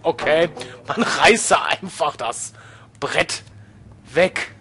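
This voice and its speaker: A man's voice: on the high side, animated, drawn-out words, bright, forceful tone, slightly rough. A man commentating a video game as he plays, muttering to himself and shrieking when startled. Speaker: let's play gamer.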